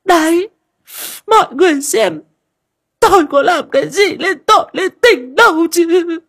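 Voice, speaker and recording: A shrill scheming daughter-in-law. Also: male voice, animated, unhurried, gravelly, fairly bright tone, exaggerated voice. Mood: fake weeping. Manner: whining, wailing, accusing.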